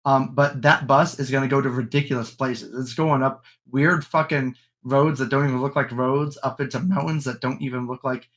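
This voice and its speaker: A man's voice: medium pitch, fairly even intonation, moderate pace, hardly any pauses, a bit bright. Rambling young man with frequent ums. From United States. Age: young adult. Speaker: podcast co-host. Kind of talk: casual chat.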